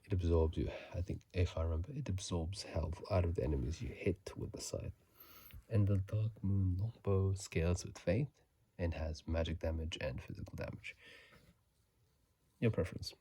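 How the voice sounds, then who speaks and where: Speaking in a deep, husky whisper right up against a phone mic, a man reads and casually chats about a video game, taking his time in soft ASMR fashion.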